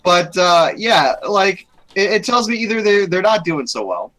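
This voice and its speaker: Rambling man, fairly high voice. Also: big pitch swings, normal speed, a bit bright, poor audio. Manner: rambling, with many restarts and laughs. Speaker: podcast co-host. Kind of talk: casual gaming chat.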